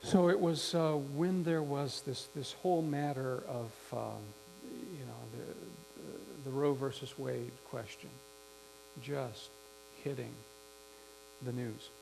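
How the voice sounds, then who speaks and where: A man preaching a sermon, telling a story slowly and reflectively with some restarts. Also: mid-range voice, creaky. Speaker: pastor. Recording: faint mains hum.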